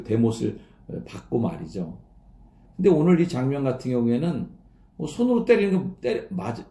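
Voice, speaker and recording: Male pastor, gravelly and mellow, lively conversational sermon, echoey church room. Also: mid-range voice. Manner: conversational, acting out mocking voices.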